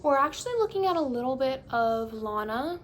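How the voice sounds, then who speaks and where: A woman's voice: high voice, animated, fairly quick. A young woman vlogging to her phone, chatty and rambling, cutting herself off often, talking with a put-on valley-girl inflection. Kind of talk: casual chat to camera. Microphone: phone camera. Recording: phone recording with faint music behind. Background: faint music playing.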